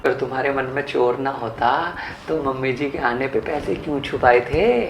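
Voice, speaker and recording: A man's voice: mid-range voice, normal speed, echoey room, a little hiss or hum, natural voice, rough recording. A man playing a brazen, pushy house servant in a family drama skit, wheedling and insistent. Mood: insisting. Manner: wheedling and insistent, keeps pressing money.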